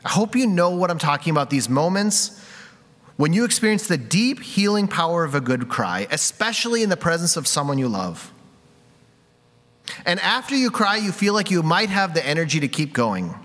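A man's voice: a little high, very animated, moderate pace, fairly bright tone. A man giving a candid, confessional sermon, telling a personal story with self-deprecating laughs. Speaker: preacher. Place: church sanctuary. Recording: long reverb of a large hall.

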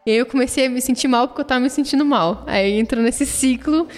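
A woman's voice: high voice, fast. A woman telling a personal faith testimony in an earnest, emotional way. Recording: long reverb, soft music behind.

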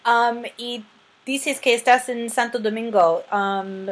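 A woman hosting a language-learning podcast, asking interview questions in a slow, clear, measured way with frequent hesitations. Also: on the high side, steady tone. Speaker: podcast host.

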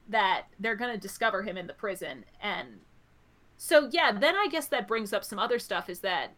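A woman's voice: medium pitch, fairly bright tone. A woman co-hosting a podcast, thinking aloud about a TV episode in casual chat, full of "like" and "I was like". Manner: thinks aloud, theorizing with many "like" fillers. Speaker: podcast co-host.

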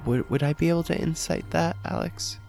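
A man playing a tabletop game, questioning in character with a halting, stammering delivery that repeats words. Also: a little high, gravelly, a little mellow, soft background music. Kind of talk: improvised role-play, questioning in character.

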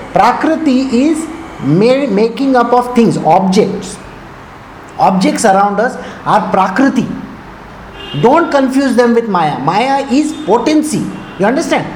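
Male spiritual teacher, South Indian accent, high-pitched voice, chatty instructive delivery with questions to listeners, echoey room. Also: darkish tone. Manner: didactic, conversational, often checking understanding with questions; switches between English and Hindi. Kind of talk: informal spiritual discourse. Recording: echoey room with faint noise.

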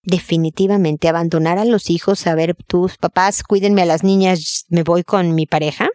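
A woman's voice: lowish voice, steady tone, moderate pace, darkish tone, no room sound. Woman host, blunt and emphatic advice, close dry sound. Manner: direct, emphatic, often repeats the listener's name. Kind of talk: advice to a listener.

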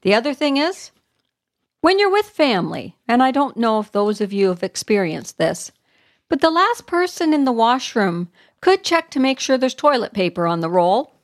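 A middle-aged woman, co-hosting a casual chat podcast, animated and quick to get riled. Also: a little high, dry recording, studio quality. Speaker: podcast co-host.

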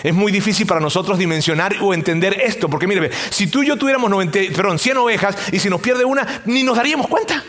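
A man's voice: sits high, fast talker, hardly any pauses, fairly bright tone, a little hiss or hum. A middle-aged man, preaching a conversational sermon and acting out the voices of people in his examples. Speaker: pastor.

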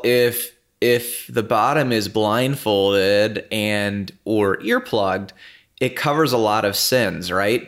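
A man with a fairly low voice co-hosts a podcast. He talks casually and loosely, with plenty of fillers and restarts. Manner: relaxed, rambling, many fillers. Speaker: podcast co-host.

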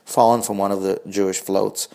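A man's voice: fairly low pitch, little pitch movement, normal speed, vocal fry, a little mellow. A man in his forties with a wry, reflective manner, reading his own scripted personal essay as a blog host.

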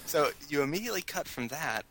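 Bright-voiced man rambling on a podcast. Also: a little high, animated, fast, rough recording. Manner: rambling recaps, loose and full of fillers. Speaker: podcast co-host. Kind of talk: casual movie-review podcast chat.

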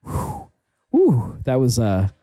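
A man's voice: mid-range voice, wildly swooping pitch, slow pace, mellow. A man hosting a podcast in a casual, rambling, jokey chat. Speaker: podcast host. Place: table in the corner of a brewery tap room.

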